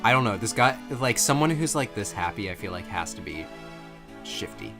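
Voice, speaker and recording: A man's voice: lowish voice, big pitch swings, normal speed, music in the background. Giggly, teasing male streamer. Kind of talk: casual game play-through chat.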